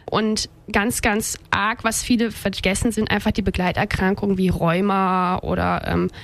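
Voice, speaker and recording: A woman's voice: mid-range voice, little pitch movement, moderate pace, vocal fry, dry recording. A woman in her thirties, a guest on a radio talk show, answering casually with many fillers. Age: 30s. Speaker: guest, self-help group leader.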